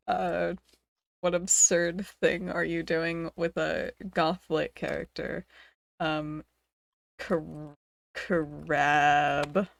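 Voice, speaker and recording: A woman's voice: fairly low pitch, vocal fry, a little hiss or hum. A woman streamer in casual chat, rambling, giggling often and playfully dramatizing her reactions.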